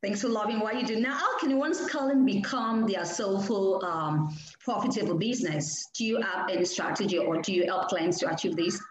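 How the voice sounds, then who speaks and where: A woman hosts a casual interview at a medium pitch, gushing with praise and leaning on fillers. Her voice carries a roomy echo with faint background hiss. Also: normal speed, hardly any pauses. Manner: warm, effusive, with fillers. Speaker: host. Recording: echoey room, faint noise.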